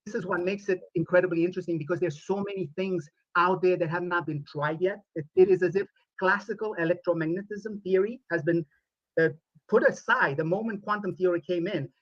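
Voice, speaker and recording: A man from Romania, speaking in a formal, deliberate way as a podcast guest. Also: high voice, fairly even intonation, no echo, highs cut off. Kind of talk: podcast interview played back.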